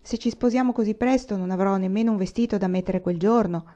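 A woman's voice: mid-range voice, animated, brisk, dark tone, highs cut off, natural voice. A woman reading the part of a spirited young frontier woman who speaks frankly and firmly. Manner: frank and firm.

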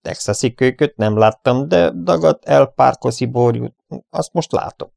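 A man voicing a calm, cocky young Texan gunfighter in an audiobook, speaking in a steady, taunting way. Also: medium pitch, gravelly, dry recording, clean studio sound, pitched above the performer's own voice.

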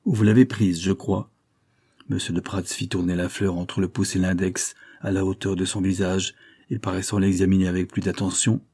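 Guy reading an old novel out loud, mellow and a bit husky, gets louder and higher for the dialogue. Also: monotone, fairly quick. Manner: voices characters' dialogue with raised pitch and force. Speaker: audiobook reader. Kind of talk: reading a classic novel aloud.

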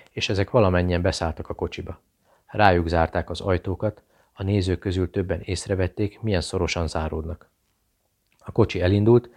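Deep, gravelly male audiobook narrator. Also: a little mellow. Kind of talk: audiobook reading.

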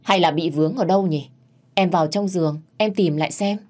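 A woman's voice: lowish voice, brisk, a little mellow, natural voice. A woman voicing a caring older sister figure who asks anxious questions. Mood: helpful.

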